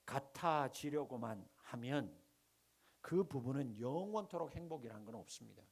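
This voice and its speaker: A middle-aged male pastor from Korea's Gyeongsang region delivers a sermon full of rhetorical questions, swinging sharply between loud and hushed lines. His medium-pitched voice is animated, with a breathy edge, at normal speed.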